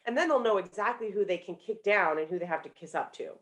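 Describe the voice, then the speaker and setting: Woman in her thirties, interview guest, confident, fluent, explanatory, mid pitch. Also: fast talker. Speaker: guest, psychology professor and author. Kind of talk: interview answers.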